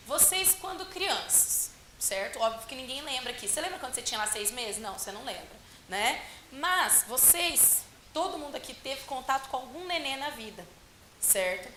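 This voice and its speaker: A woman's voice: fairly high pitch, pushed and bright. A woman Portuguese teacher giving a classroom lecture, often asking the class questions and answering them herself. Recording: roomy classroom with faint hiss.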